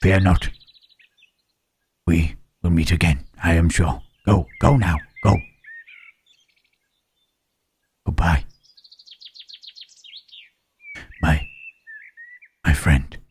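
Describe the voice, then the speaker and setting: A man voicing a gentle, melancholy, lonely monster in a halting, pensive ASMR roleplay, with formal wording and a husky, low voice. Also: a little hiss or hum. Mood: gently urging.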